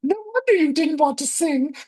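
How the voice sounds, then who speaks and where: A man's voice: extremely high pitch, expressive, normal speed, darkish tone, pitched above the performer's own voice. A man voicing a teasing male rabbit from an Alice story, with a British accent. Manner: teasing, mocking.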